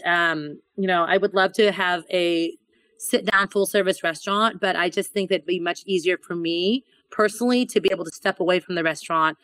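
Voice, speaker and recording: A woman chef telling stories in a casual interview, chatty and animated, often repeating words as she goes. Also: fairly low pitch, rough recording. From born in Thailand to Laotian parents. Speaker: chef and restaurant owner.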